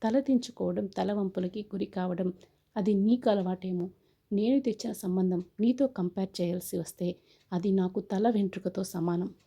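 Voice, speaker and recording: A woman's voice: medium pitch, fairly even intonation, moderate pace, warm tone, husky. A woman reading the lines of a proud, angry father of the bride, in a stern and threatening way.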